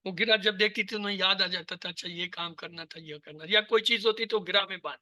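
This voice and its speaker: A man teaching a language lesson to an online class over a video call, drilling word forms one by one in steady repetition. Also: high-pitched, fairly quick, dry recording, studio quality. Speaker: Arabic teacher.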